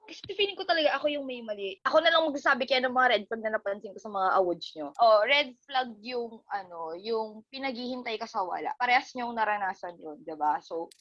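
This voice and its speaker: A woman's voice: a little high, lively intonation, a little fast, fairly bright tone, dry recording, lo-fi sound. A young woman hosting a casual chat with friends, teasing them and laughing often. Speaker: host.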